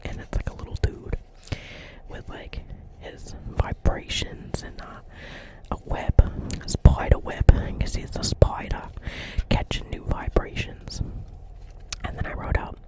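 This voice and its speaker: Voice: a little slow, low-quality recording. A whispered role-play of a chatty, dreamy doctor's office receptionist with a New Jersey accent, rambling earnestly, repeating phrases and often checking in with the listener.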